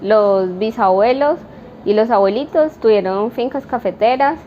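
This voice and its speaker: A woman's voice: fairly high pitch, a little slow. A woman, a coffee roaster answering interview questions in an explanatory way, with fillers and tag questions. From Colombia. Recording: dull lo-fi with light noise.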